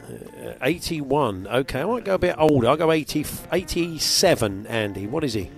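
Male radio game host, animated, higher-pitched, mock-dramatic bingo-caller delivery over faint music. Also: normal speed, gravelly. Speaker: host and scorekeeper of an age-guessing game. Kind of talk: casual radio game banter.

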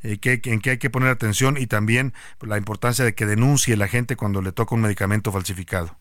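A man with a Mexican accent hosting a radio news programme, speaking in a measured way with frequent hesitation fillers and brief acknowledgements. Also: fairly low pitch, fairly even intonation, a bit bright, no echo, studio quality.

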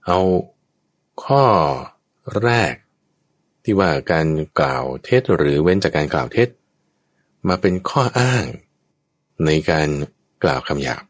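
A man's voice: deep voice, very animated, unhurried, pauses often. A man, a Buddhist monk, giving a patient, explanatory Dharma talk in conversation and now and then acting out everyday speech as examples.

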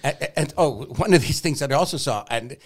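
Wry, animated man telling stories. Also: mid-range voice, fast talker. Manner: animated storyteller, wry and joking. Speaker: guest, journalist and broadcaster. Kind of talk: conversational interview.

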